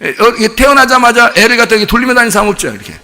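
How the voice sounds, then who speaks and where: Lively high-pitched pastor in a reverberant church. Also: male voice, racing. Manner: animated, playful, asks the congregation questions and answers them. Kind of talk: sermon. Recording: church hall with long reverb.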